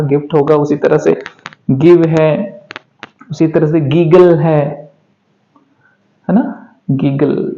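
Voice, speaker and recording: Guy teaching english sounds, mellow kinda high voice, echoey room, dull lo-fi audio. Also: gravelly. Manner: asks a question and then answers it himself, spells words out letter by letter. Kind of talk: pronunciation lesson in Hindi.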